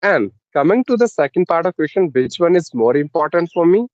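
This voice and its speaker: A man, explaining his views slowly and deliberately with pauses in a casual English practice discussion. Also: on the high side, big pitch swings, darkish tone, no echo. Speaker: English conversation partner. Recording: dull, lo-fi, dry sound.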